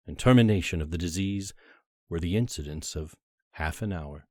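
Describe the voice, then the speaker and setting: With a voice that sits low, a man reads a classic horror tale as a dramatic audiobook, his phrasing theatrical and deliberate, punctuated by emphatic pauses. The studio-quality recording has no echo.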